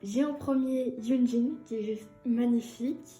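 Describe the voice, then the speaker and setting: Young woman unboxing stuff, excited and giggly, kinda high voice, echoey room w faint music. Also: a little slow. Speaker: YouTuber unboxing an album. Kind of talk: casual unboxing vlog.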